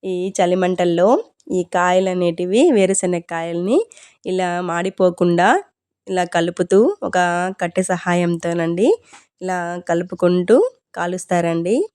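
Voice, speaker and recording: A woman's voice: on the low side, animated, a little slow, darkish tone, no room sound, clean studio sound. A woman narrating a casual vlog in a chatty, polite, explanatory way. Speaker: home vlogger.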